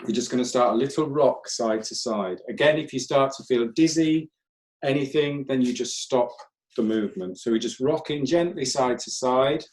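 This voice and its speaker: A man leading a live online breathwork class, counting breaths and giving calm, gentle step-by-step cues. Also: mid-range voice, normal speed. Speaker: breathwork instructor. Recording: roomy echo.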